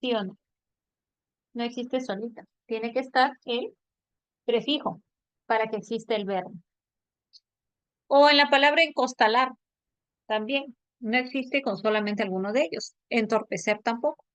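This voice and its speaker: A woman's voice: fairly high pitch, moderate pace, long pauses, fairly bright tone, smooth, no echo. Woman teaching grammar. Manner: explanatory, checks understanding with tag questions. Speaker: language teacher. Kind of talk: online class lecture.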